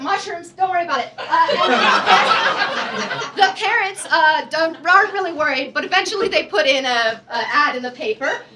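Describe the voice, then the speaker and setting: A young American woman doing a chaotic stand-up set with slides, rambling with quick asides and self-corrections into a stage mic at a small comedy venue. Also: high voice. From United States.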